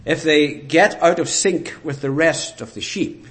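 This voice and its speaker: A man with a Northern Irish Ulster accent preaching a sermon in a deliberate, rhetorical way with emphatic phrases. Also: a little high, fairly bright tone, a little hiss or hum. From rural Ireland, Ulster.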